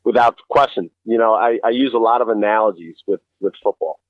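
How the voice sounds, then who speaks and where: A man's voice: lowish voice, fairly quick, no echo. A middle-aged man comes through with a narrow, phone-like radio sound, very dry and close. He talks conversationally and earnestly, like a guest giving motivational advice, explaining his points and putting questions to the listener. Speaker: interview guest.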